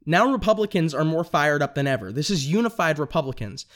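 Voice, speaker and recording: A young man hosting a political commentary podcast, talking fast and excitably, tripping over his words and restarting sentences. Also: fairly high pitch. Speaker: podcast host.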